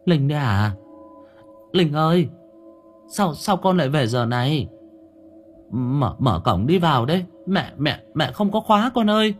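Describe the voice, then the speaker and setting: Male narrator doing a worried old village mother, stammering and pleading, pitched high and husky, faint music under. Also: big pitch swings, normal speed. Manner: pleading, calling out, stammering repeats. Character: elderly village mother, frail and anxious.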